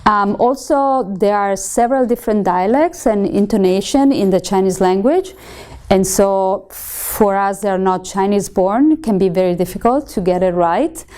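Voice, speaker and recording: A woman from Italy with an Italian accent, giving a conversational lecture to students and often pausing with ums and correcting herself. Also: mid-range voice, darkish tone. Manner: conversational teaching with frequent ums and self-corrections. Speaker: feng shui instructor.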